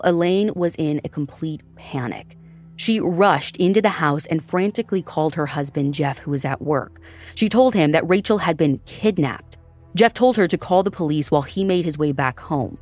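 Low-voiced woman narrating true crime. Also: a little mellow. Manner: measured, dramatic storytelling delivery. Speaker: podcast host and narrator.

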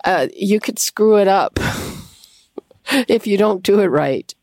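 A woman's voice: medium pitch, expressive, takes it slowly, darkish tone, dry recording. A woman hosting a call-in radio show, talking with frequent fillers and restarts. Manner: hesitant, many fillers and restarts. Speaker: radio host.

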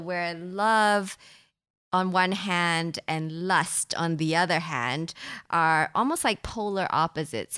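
A woman's voice: lowish voice, a bit bright, clean tone. A woman from Singapore hosting a casual chat, musing aloud and hedging with fillers.

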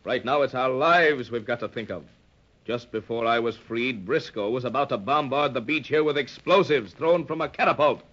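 A man's voice: mid-range voice, normal speed, fairly bright tone, lightly acted. Guy playing brave hearty sea captain, bossy nautical talk, old radio serial, bit dull sounding. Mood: commanding. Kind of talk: old-time radio adventure serial acting.

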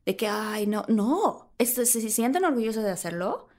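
A woman with a Mexican accent telling an animated anecdote in a casual chat, laughing often and jumping high to act out the voices of the people she quotes. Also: normal speed. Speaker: guest.

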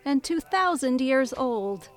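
A sardonic, all-powerful coworker, voiced by a woman with a high voice. She delivers cutting remarks in a deadpan way. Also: slow pace. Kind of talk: audio drama acting.

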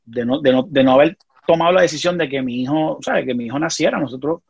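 A middle-aged man with a Puerto Rican accent speaks in a husky, fairly high voice, recorded close and dry. He talks as a guest in casual conversation, telling a personal story earnestly and keeps checking that the listener follows. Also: fast, a little mellow, dry recording, highs cut off. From Puerto Rico.

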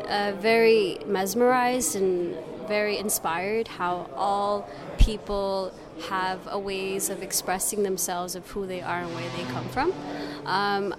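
A young woman from Canada answering interview questions in a hesitant, casual way, full of ums and uhs. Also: mid-range voice. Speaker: festival visitor interviewed. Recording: crowd chatter at a festival.

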